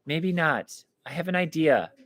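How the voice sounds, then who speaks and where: A man reading aloud, voicing an anxious, determined teenage girl who is an older sister, speaking in a hushed, urgent way in a storybook reading. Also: on the high side, lively intonation, measured pace, pitched above the performer's own voice.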